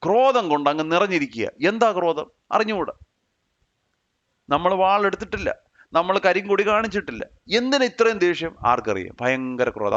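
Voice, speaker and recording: A man's voice: on the high side, bright, forceful tone, dull audio. A man with a Kerala Malayalam accent teaching a Bible study, firing off rhetorical questions and pushing his voice up sharply as he presses each point.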